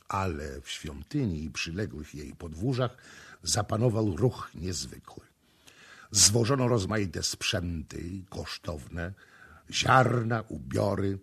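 A man reading a historical novel aloud as an audiobook narrator, with dramatic, measured storytelling. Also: deep voice, sing-song, gravelly, husky. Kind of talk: scripted narration.

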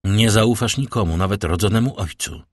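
Man voicing a solemn fatherly nobleman, reassuring, deep low voice, dry close sound. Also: normal speed, no room sound, lightly acted. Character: grave fatherly older nobleman protector.

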